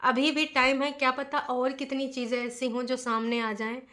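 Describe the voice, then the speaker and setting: A woman's voice: sits high, flat delivery, normal speed, pushed and bright. A woman vlogger giving opinionated commentary in a chatty way, often posing rhetorical questions to her viewers.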